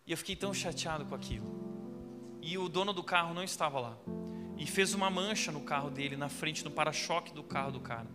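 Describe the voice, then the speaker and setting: High-voiced man preaching in a hall. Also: quick pace. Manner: storytelling, emphatic preaching. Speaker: pastor. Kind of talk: sermon. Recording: long hall reverb with background music.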